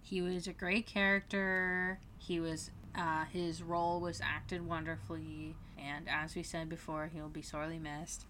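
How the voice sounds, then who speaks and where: A woman hosts a casual fan podcast in a slow, unhurried way, with a slightly low voice. She is chatty and laughs as she retells scenes. A faint hiss of noise sits under her voice. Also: flat delivery, bright, forceful tone. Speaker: podcast host.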